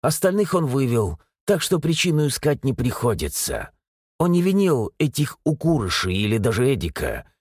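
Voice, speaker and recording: A man narrating a dark novel as an audiobook, in an expressive storytelling manner. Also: medium pitch, normal speed, slightly rough, no room sound, clean studio sound. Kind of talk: scripted narration.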